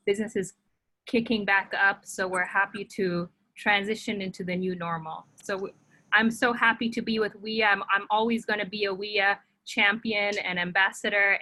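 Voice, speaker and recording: A woman's voice: medium pitch, sharp tone, rough recording. Upbeat woman from Tanzania on a call. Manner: upbeat, many ums. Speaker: entrepreneur guest. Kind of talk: webinar conversation. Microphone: video call.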